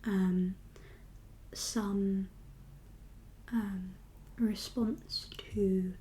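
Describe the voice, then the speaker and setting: In a rough recording, a female ASMR performer takes on the role of a doctor. She uses a gentle, breathy whisper in a mid-range voice, staying calm, soothing, and unhurried.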